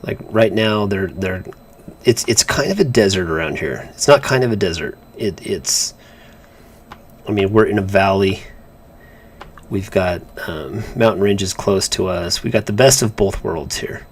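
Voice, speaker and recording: A man's voice: low-pitched, animated, a little slow, slight background noise. A man co-hosting a live drawing stream, chatting casually as he works, rambling and stumbling over his words. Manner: rambling, repeats words and restarts often. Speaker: comic artist co-host. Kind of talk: casual chat while drawing on a livestream.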